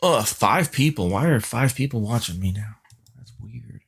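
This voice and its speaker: A man's voice: mid-range voice, animated, normal speed, creaky, noisy background. A man teaching a live-streamed IT class, muttering and grumbling at the computer while he reads out network addresses as he types. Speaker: IT instructor.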